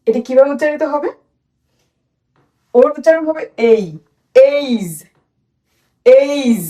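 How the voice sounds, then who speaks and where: A woman with a Bangladeshi Bengali accent teaching a children's phonics lesson and repeating each sound slowly for the children to copy. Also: fairly high pitch, darkish tone, recorded from a distance.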